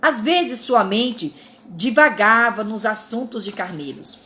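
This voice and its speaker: Calm woman reading a fable. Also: on the high side, a little hiss or hum. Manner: calm, measured reading with small slips and self-corrections. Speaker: narrator. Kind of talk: reading a spiritual fable aloud.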